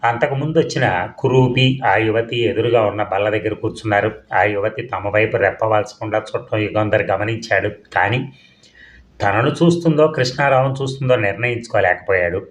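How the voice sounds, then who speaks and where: Low-voiced male novel reader. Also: a little fast. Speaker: audiobook narrator. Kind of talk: reading a novel aloud. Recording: dull, echoey room.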